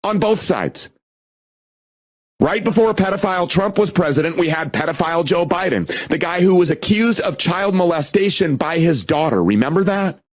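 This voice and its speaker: A man's voice: high voice, lively intonation, moderate pace. A man giving indignant, emphatic political commentary.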